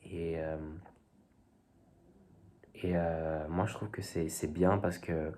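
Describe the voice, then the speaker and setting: Deep-voiced young man, rambling casual talk. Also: fairly even intonation, takes it slowly, darkish tone. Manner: rambling and hesitant, youthful slang, many fillers. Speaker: vlogger.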